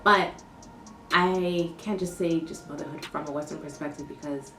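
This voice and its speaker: Young woman vlogger, low voice, chatty and loose; room echo, a little far from the mic, faint music behind. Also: fairly even intonation, moderate pace. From born in the US, raised in London. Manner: chatty, lots of "like" fillers. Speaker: vlogger, new mother. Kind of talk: casual chat to camera.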